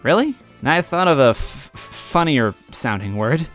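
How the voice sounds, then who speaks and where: A man voicing an excitable young female archaeologist who stammers and gushes. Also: medium pitch, fast, soft background music, pitched above the performer's own voice. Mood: gushing. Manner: stammering, gushing.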